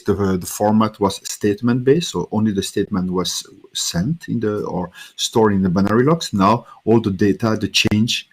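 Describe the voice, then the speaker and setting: This Belgian man speaks French natively and carries a French-speaking Belgian accent. His voice sits on the low side, and he presents a technical conference talk peppered with fillers and false starts.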